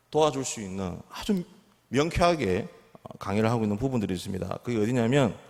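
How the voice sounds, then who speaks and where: A middle-aged male pastor preaches in a church sanctuary, his voice rising and falling with lively swings in pitch. He keeps asking the congregation questions, and his words ring out with a long reverb through the hall. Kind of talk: sermon.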